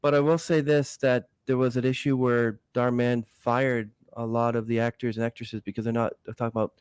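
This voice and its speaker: A man's voice: mid-range voice, little pitch movement, fairly quick, darkish tone, smooth, no echo. A man hosting a podcast, asking interview questions in an enthusiastic, admiring way. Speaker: podcast host.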